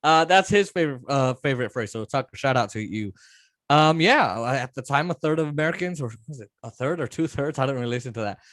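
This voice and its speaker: A man's voice: mid-range voice, lively intonation, fast, a bit bright, no room sound. A man hosting a podcast, chatting casually and with amusement as he reacts to clips. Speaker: podcast host.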